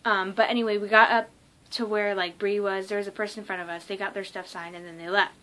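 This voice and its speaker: A young woman telling a casual vlog story, excited and rambling, with lots of ums and likes. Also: medium pitch, fast. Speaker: vlogger.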